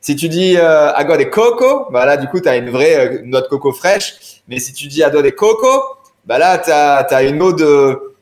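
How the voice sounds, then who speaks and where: A man's voice: on the high side, moderate pace. Chatty man in an echoey room. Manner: rambling, chatty, many restarts. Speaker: podcast guest. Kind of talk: casual chat. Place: apartment room.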